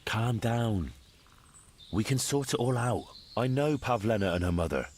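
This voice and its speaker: Male actor as medieval hero, persuasive negotiator, expressive intonation, video game drama, faint insect noise outdoors. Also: mid-range voice, a little slow, natural voice. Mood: calming, coaxing. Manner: coaxing, persuasive. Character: steady medieval male hero talking down a hostage-taker.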